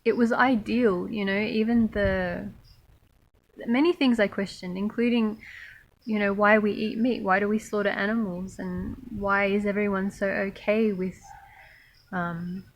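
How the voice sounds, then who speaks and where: A woman raised in Australia, talking thoughtfully to camera about her spiritual path, pausing often with fillers. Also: mid-range voice, fairly even intonation, rough recording. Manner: slow, thoughtful, many pauses and fillers. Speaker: spiritual monastic vlogger. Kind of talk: reflective personal talk to camera.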